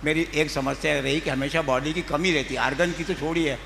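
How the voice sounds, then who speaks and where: A man's voice: on the high side, fairly even intonation, brisk, creaky, a bit bright, a little hiss or hum. An older man, a retired medical teacher, asks an earnest, emphatic question. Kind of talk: formal question. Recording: long hall reverb.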